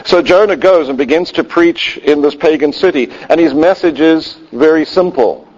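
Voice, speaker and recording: A man's voice: a little high, normal speed, a little mellow. A man preaching a sermon in a conversational way with wry asides. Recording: dull lo-fi sound.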